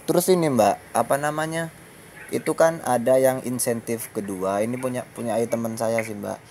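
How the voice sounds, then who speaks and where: A man's voice: medium pitch, fairly even intonation, moderate pace, darkish tone. A man making a casual enquiry as a caller on the phone. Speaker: caller to a helpline. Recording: phone call with faint background noise.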